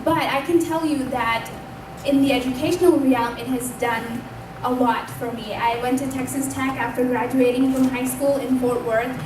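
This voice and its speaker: A high-voiced young woman in her 20s from Pakistan, invited to speak at a community event, gives a personal testimony in a community hall. Her tone is steady and her speed normal; she's earnest and conversational and speaks up loudly. The echoey room, distant mic and background noise affect the recording.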